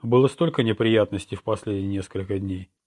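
A man's voice: fairly low pitch, a little fast, a little mellow, natural voice. A man reading as a cold, detached old lady. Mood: plaintive. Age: older. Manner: cold, strangely indifferent tone. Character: cold, eerily detached old rich woman.

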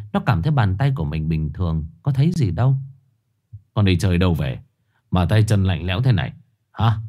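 A man narrating a ghost story in a low, hushed, expressive storytelling voice. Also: muffled recording.

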